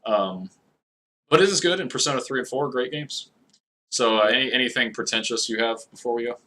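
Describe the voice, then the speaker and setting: A man's voice: medium pitch, a little fast, pushed and bright. A man casually commentating on a video game, rambling and ironic, often cutting himself off mid-sentence. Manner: rambling, ironic, self-interrupting. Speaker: let's play host.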